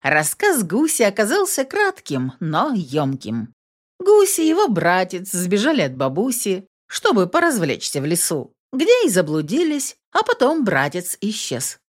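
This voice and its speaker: A woman reading a story aloud in an expressive, wry manner, as a storybook narrator. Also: mid-range voice, unhurried. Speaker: audiobook narrator.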